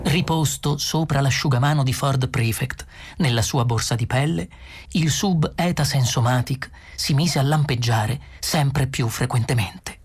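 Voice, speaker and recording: A man reads a novel aloud in a husky, slightly breathy voice at a middling pitch. His storytelling is steady and measured, with a plain, even flow. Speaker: audiobook narrator. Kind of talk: scripted narration.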